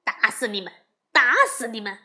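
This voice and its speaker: A woman voicing a brash, hot-tempered male monkey king in a storybook tale, shouting loudly. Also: medium pitch, sing-song, a little slow. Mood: furious.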